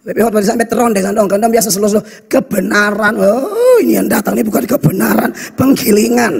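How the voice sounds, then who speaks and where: A pastor with a Kupang accent, preaching a blunt, scolding sermon full of local slang. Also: male voice, high voice, expressive, brisk, vocal fry, breathy edge. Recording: reverberant hall with faint music.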